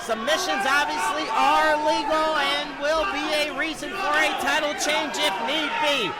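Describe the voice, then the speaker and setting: A man giving dramatic, emphatic live wrestling commentary. His voice is pitched extremely high for a man, and a very loud crowd fills the recording behind him. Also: level tone, moderate pace.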